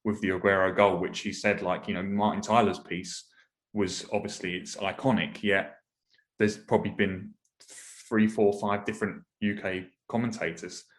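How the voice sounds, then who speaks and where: A man's voice: low voice, level tone, moderate pace. A man co-hosting a football podcast, talking in a thoughtful, hedging way. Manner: thoughtful, hedging, laughs easily. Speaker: podcast co-host. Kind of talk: casual podcast chat.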